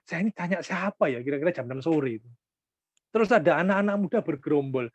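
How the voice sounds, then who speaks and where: Pastor preaching with lively storytelling. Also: male voice, fairly high pitch, fast talker, no echo, highs cut off. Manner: lively storytelling, acting out the voices of people in his anecdote. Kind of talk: sermon.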